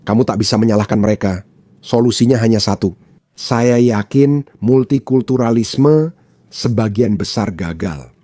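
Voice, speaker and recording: A man's voice: lowish voice, normal speed, dark tone, dry recording, studio quality. A man from Pakistan giving opinionated commentary, emphatic and repeating his points for effect.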